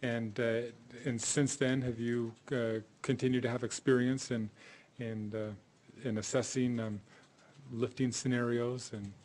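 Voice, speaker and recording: A man's voice: medium pitch, little pitch movement, a little slow, darkish tone. A man working as an attorney, questioning a witness with frequent hesitations and fillers, heard in a courtroom recording. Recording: courtroom recording with faint background noise.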